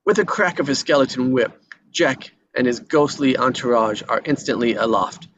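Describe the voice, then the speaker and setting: At a table read, the man handling the stage directions speaks in a mid-range, fairly bright voice at normal speed, now and then stumbling and repeating words. The audio sounds dull and lo-fi with background noise.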